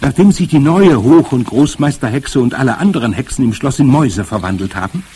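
A man reading aloud gives an excited young boy who was turned into a talking mouse a high, eager voice, full of breathless exclamations. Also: fairly quick, slightly rough. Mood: earnest. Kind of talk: audiobook character voice.

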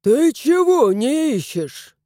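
A bossy little house spirit from a storybook, as a woman acts him out, barking brisk orders and short commands. The voice is raised and lively and the tone is mellow. The read is dry and close. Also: sits high, no echo, pitched above the performer's own voice, full character voice. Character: gruff bossy house spirit, small male.

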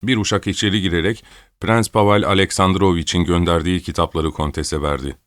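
A man giving measured, scripted narration of a classic novel as an audiobook reader. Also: low voice, fairly even intonation, a bit bright, no room sound, clean studio sound.

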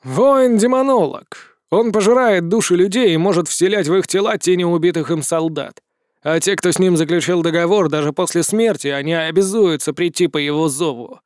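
A man voicing an excitable male demon servant who talks eagerly and fawns on his master. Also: sits high, moderate pace, no echo, clean studio sound, natural voice. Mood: excited. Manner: eager, storytelling, fawning.

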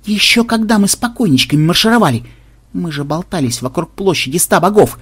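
A brash young warlock programmer, as a male reader puts him on, loud and excitable, his voice leaping high and swinging all over as he yells. The tone is husky and breathy. It sounds like a lively storybook reading. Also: brisk, heavily acted. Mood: triumphant. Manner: loud, excitable, often yelling.

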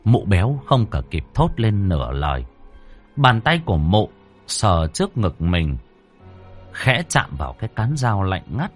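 A man narrating a horror audiobook in a dramatic, expressive storytelling manner. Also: fairly low pitch, measured pace, faint music behind.

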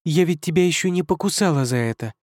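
A man's voice: fairly high pitch, lively intonation, quick pace, dry recording, studio quality, pitched above the performer's own voice, natural voice. A man reading an audiobook, voicing a young fox spirit woman who is anxious and pleading. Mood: teasing.

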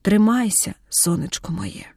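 A woman's voice: mid-range voice, big pitch swings, measured pace, no room sound, studio quality. A woman reading a frail bedridden father. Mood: tender. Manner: quiet, near a whisper. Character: frail, bedridden older father, gentle and tender.

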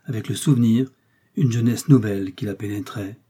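A man reading a classic short story aloud in a measured, expressive way. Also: lowish voice, breathy edge. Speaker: audiobook reader.

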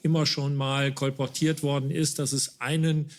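A man working as a foreign correspondent, joining the show over a remote link and giving a brisk, informative report. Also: fairly high pitch, little pitch movement.

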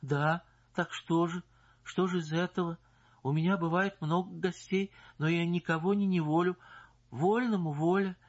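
A man's voice: high voice, fairly even intonation, normal speed, muffled recording, pitched above the performer's own voice. A man voicing a defensive, flustered young female chorus singer who protests in a plaintive, evasive way.

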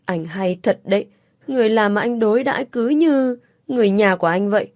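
A woman doing a spoiled sharp-tongued girlfriend. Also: mid-range voice, brisk, no room sound, studio quality, lightly acted. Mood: petulant. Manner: petulant, sarcastic.

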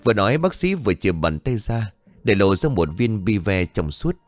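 Man, ghost story narration, low voice, lively intonation, dry sound, faint music. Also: moderate pace, no echo.

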